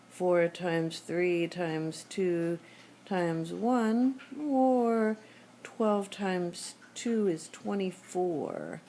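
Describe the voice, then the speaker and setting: A math teacher with a sore throat walks through problems one step at a time in a screencast lesson. Her voice sits low and mellow. A faint hiss runs under it. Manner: steady step-by-step explaining, thinking aloud. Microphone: tablet screencast recording.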